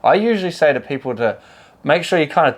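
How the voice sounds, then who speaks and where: A man's voice: a little high, lively intonation, fast. A man hosting a casual interview, upbeat and encouraging, often repeating words as he talks. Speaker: host.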